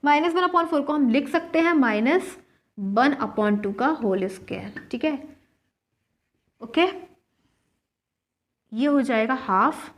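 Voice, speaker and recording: A young woman teaching a maths lesson, explaining slowly, repeating each step and checking in with her students. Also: high voice, lively intonation.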